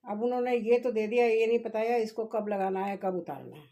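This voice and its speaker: A woman's voice: fairly high pitch, brisk, mellow. A woman vlogging at home in a casual chat, talking straight to her viewers and musing aloud. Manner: chatty, talks straight to viewers, muses aloud.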